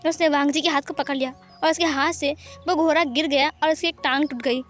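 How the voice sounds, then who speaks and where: High-voiced woman narrating a story. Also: a little fast, faint music behind. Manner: lively, acting out every character. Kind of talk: storytelling reading of fan fiction.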